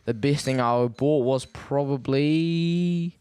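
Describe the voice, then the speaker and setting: A man's voice: medium pitch, slow pace, a little mellow, clean tone, dry recording. Casual male panellist, broad Kiwi accent, emphatic delivery, very little room sound. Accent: broad Christchurch New Zealand. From Christchurch, New Zealand. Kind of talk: casual chat.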